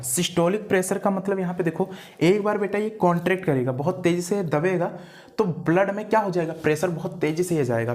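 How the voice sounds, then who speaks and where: A man's voice: on the high side, a little mellow. A man teaching a classroom biology lecture, who keeps asking rhetorical questions, repeats key terms, spells words out letter by letter and calls the students "beta".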